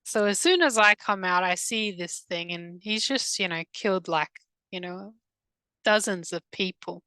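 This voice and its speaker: A woman recounting a past-life regression under hypnosis, halting and hesitant, with many restarts, in a soft, subdued voice. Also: mid-range voice, no room sound, poor audio. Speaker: hypnosis client.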